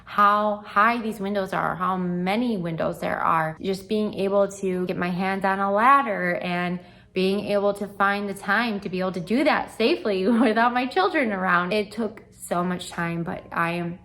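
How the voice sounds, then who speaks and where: A woman's voice: mid-range voice, moderate pace, a bit bright. A young adult woman chatting through a home makeover reveal in a gushing, enthusiastic way, stressing and stretching key words. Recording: music behind the voice. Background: background music.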